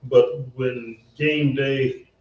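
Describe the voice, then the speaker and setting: A man, a college basketball coach, giving a measured answer on a conference panel. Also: mid-range voice, fairly even intonation, a little mellow, highs cut off. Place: conference hall. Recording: echoey hall from a distance, faint background hum.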